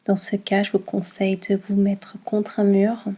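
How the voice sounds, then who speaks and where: A woman guides a yoga nidra meditation in a mid-range voice, soft and slightly husky, with a fairly flat melody. She keeps each instruction short and gentle, then pauses calmly for a long while.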